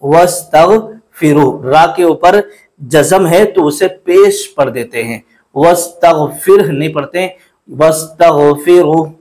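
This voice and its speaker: Male recitation teacher, slightly high voice, unhurried pace, chants verses melodically between corrections. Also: a little mellow, poor audio. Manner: slow and deliberate, repeats words to correct pronunciation. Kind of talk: explaining and demonstrating recitation.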